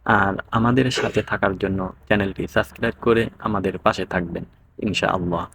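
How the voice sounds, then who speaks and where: A man's voice: lowish voice, steady tone, a little fast, creaky, a bit bright, slight background noise. A man with a Bangladeshi Bengali accent giving a formal, courteous closing appeal to viewers, ending with blessings. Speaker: channel presenter.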